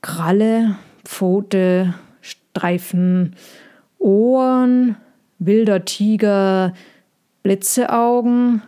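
The calm boss of a travelling show in a children's storybook, unbothered and quietly scheming, as a woman reader voices him. He speaks slowly and musingly, close to the reader's own mid-range voice. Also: mid-range voice, smooth. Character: calm, scheming man who runs the show. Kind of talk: storybook reading.

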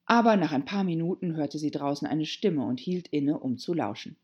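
A woman narrating a children's storybook in an expressive reading voice. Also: deep voice, moderate pace, breathy edge, lo-fi sound.

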